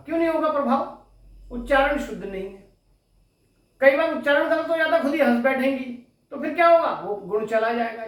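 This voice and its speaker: A woman teacher giving an exam-prep lecture who asks her students questions and then answers them herself. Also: high-pitched. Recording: very echoey room, distant mic.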